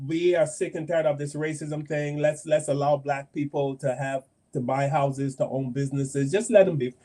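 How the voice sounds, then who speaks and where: A man from Barbados hosts a talk show and lays out his point with fervor. He leans on repetition to drive things home, and his voice sits a little higher than most men's. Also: steady tone, moderate pace, dark tone. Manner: emphatic, repeats phrases for force. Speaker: host. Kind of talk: passionate podcast commentary.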